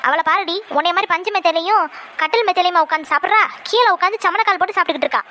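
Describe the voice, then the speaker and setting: A woman voicing a stern, quick-tempered village mother in a cartoon, nagging and scolding her daughters. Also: extremely high pitch, bright, forceful tone, a little hiss or hum.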